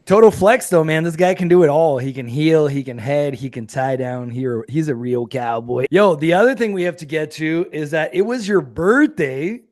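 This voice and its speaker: A man in his late thirties co-hosts a casual podcast, his voice sitting a bit high for a man. He talks with slangy, upbeat enthusiasm. The close mic sounds dry, with no room around it. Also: moderate pace, hardly any pauses, a little mellow, no echo. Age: 30s. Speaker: podcast co-host. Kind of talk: casual chat.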